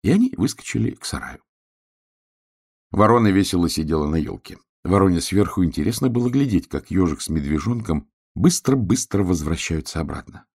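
Low husky male storyteller. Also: brisk. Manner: expressive, lively storytelling. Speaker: narrator. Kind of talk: storybook narration.

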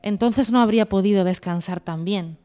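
Death as a gentle, calm woman in a storybook, voiced by a female reader. She answers in an unhurried, mellow way. Her middle-pitched voice stays soft and warm. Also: soft background music, natural voice.

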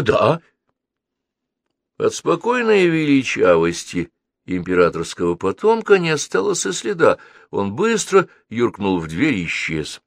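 A man narrating an adventure audiobook in an expressive, animated reading. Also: medium pitch, creaky, no room sound, studio quality. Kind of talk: scripted narration.

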